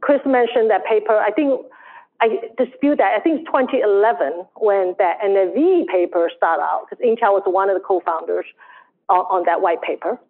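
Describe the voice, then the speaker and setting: A woman's voice: mid-range voice, normal speed. A woman from China with a Chinese accent, giving an emphatic, conversational keynote talk at a conference. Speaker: conference speaker. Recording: tinny phone-like audio.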